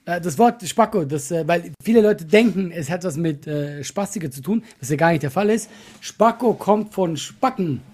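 Husky-voiced comedian man chatting. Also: fairly high pitch, expressive, moderate pace, darkish tone. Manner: chatty, insistent, explains things. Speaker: stand-up comedian, podcast co-host. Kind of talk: casual podcast chat.

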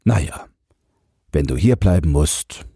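A man plays a gruff but gentle older man who coaxes with slow, friendly questions. The voice is deep and husky, unhurried, and recorded very close and dry. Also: expressive, no echo, heavily acted. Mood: coaxing. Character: kindly older man with a rabbit basket. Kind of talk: audiobook character voice.

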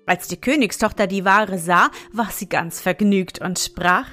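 A woman reading a fairy tale aloud in a calm, deliberate storytelling manner. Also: medium pitch, faint music behind.

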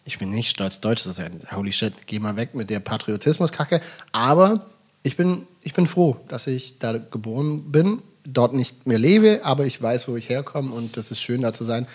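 A husky-voiced man from Swabia chats as a podcast guest, telling stories with lively enthusiasm. He swears casually and tosses in English phrases. His delivery is relaxed and conversational. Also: medium pitch, moderate pace. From Swabia, Germany. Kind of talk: casual chat.

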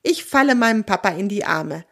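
A woman reads a children's story aloud, telling it in the first person. Her delivery is lively and expressive, and her pitch sits in a middle range. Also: fairly quick. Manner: lively first-person narration with voiced dialogue.

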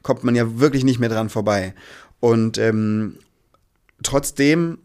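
Male interview guest, mid-pitched, earnest and thoughtful, conversational, feeling his way toward phrasing. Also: slow, darkish tone. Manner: reflective, earnest, searching for words.

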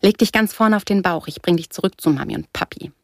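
A woman's voice: mid-range voice, fast, dry recording, studio quality, natural voice. A smug, teasing young surfer guy, as a woman reader puts him on. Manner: smug, mocking.

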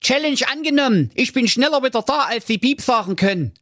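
A man's voice: high-pitched, sing-song, a little slow, no echo, clean studio sound, voice pushed up, heavily acted. A man voicing a cheeky, carefree young male hero in a storybook reading, brash and slangy. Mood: cocky.

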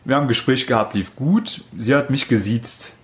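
A man's voice: medium pitch, fairly quick. A man hosting a podcast as a dating coach, telling stories in a loose, rambling way with fillers and self-corrections. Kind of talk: casual podcast chat.

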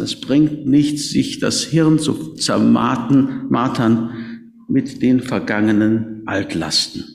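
A man's voice: on the high side, vocal fry. A man preaching a sermon in a church, earnest and emphatic, stressing key words. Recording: echoey reverberant hall.

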